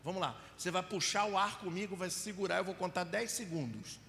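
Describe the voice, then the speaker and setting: A middle-aged Brazilian pastor preaching with a high, gravelly voice in a Brazilian Portuguese accent. He tells stories and acts them out with voices and mock crying. The sound carries a long church-hall reverb with faint room noise behind it. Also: brisk. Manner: storytelling, acts out scenes with mock crying and voices, rising to shouts. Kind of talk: sermon.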